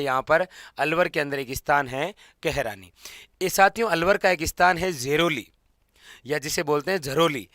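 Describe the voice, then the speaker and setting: A man's voice: a little high, pushed and bright, no echo, studio quality. A man with a Rajasthani Hindi accent teaching an exam coaching lesson, repeatedly telling students what to remember and quizzing them as he goes. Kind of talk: general knowledge lecture.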